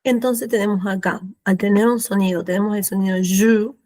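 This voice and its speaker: In Spanish with an Argentine accent, a woman teaches French pronunciation to adult students, patiently repeating words slowly and often checking with "¿sí?". Her medium-pitched voice is a little mellow with fairly even intonation, and there's no echo.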